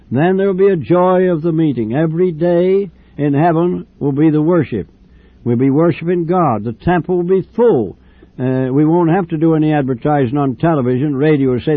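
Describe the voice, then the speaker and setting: Older preacher on a tinny radio broadcast. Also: male voice, on the high side, dry recording. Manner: fervent, repetitive preaching with drawn-out phrases. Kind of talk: sermon.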